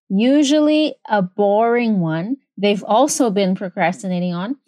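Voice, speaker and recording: A woman hosting a bilingual English lesson, reading English lines slowly and clearly and explaining them in quick Portuguese. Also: a little high, a little mellow, no room sound, clean studio sound. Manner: switches between slow careful English and fast Portuguese. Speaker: English teacher and podcast host.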